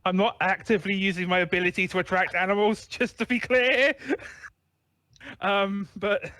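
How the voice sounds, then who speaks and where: A man playing a tabletop game, giggling and describing his character's actions in a slow, deliberate way. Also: high voice, steady tone, sharp tone, no room sound. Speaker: player. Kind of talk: casual tabletop role-play.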